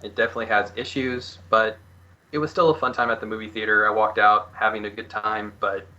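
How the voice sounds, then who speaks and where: A man's voice: on the low side, flat delivery, fairly quick, bright, forceful tone, muffled recording. A man guesting on a podcast as a movie reviewer, giving laid-back, hedging opinions. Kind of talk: casual podcast chat.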